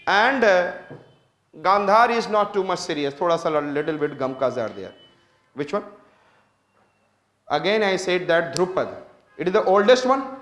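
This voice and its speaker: A man's voice: high voice, lively intonation, drawn-out words, long pauses, a bit bright, echoey room. A man with an Indian accent giving a classroom lecture, switching between English and Hindi and constantly quizzing his students with repeated questions. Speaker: teacher.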